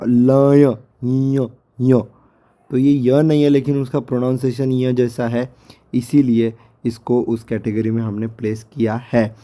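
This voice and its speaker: Hoarse male teacher for a recorded lecture, very dark mellow tone, slow and patient, drills each syllable. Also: medium pitch. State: hoarse, sore throat. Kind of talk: lecture over a screen recording.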